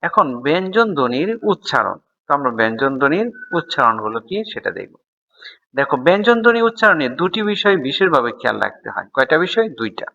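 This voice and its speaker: A man's voice: a little high, sing-song, fast talker, vocal fry, bright, forceful tone, highs cut off. A man teaching a school grammar lesson, explaining step by step and answering his own questions.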